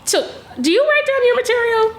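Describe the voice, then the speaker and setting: A woman's voice: very high voice, animated, fairly quick, slight background noise. A woman hosting a podcast, chatting and teasing her guest in a playful, jokey way. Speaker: podcast host. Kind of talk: casual podcast chat.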